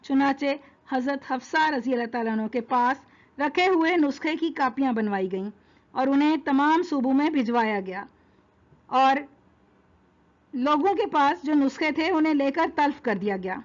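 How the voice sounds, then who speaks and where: Woman lecturer, high voice, steady explanatory delivery in numbered points, dull lo-fi recording. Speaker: religious lecturer. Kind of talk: religious history lesson.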